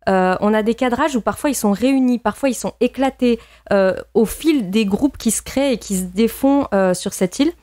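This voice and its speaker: A woman's voice: fairly high pitch, moderate pace, mellow, dry recording, studio quality. A woman in a casual film discussion, analytical and opinionated, often repeating words as she works out her point.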